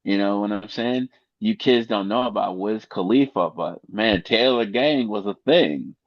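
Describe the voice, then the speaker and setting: Joking low-voiced man, dull lo-fi sound. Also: measured pace, dry recording. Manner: joking, rambling, laughs at his own jokes. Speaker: co-host. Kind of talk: casual podcast chat.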